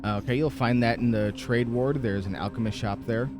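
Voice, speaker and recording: A man's voice: mid-range voice, moderate pace, music in the background. A man casually bantering and narrating as game master of a tabletop roleplaying game.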